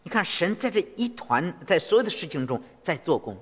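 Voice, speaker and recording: A man interpreting a sermon phrase by phrase in an animated way. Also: high voice, a little fast, slightly rough. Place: church hall. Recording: long reverb of a church hall.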